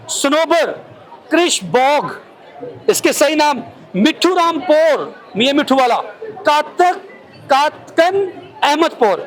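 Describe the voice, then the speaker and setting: A man's voice: extremely high pitch, a bit bright, rough recording. A male field reporter with a Pakistani Urdu accent gives a walking tour of an exhibition, listing items one by one with many fillers, speaking into a handheld mic. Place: crowded indoor exhibition hall. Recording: crowd chatter behind.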